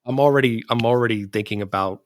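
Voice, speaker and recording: A man co-hosting a podcast in casual chat, halting and restarting his sentences. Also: medium pitch, no room sound, studio quality. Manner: halting, restarts often, laughs easily. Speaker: podcast co-host.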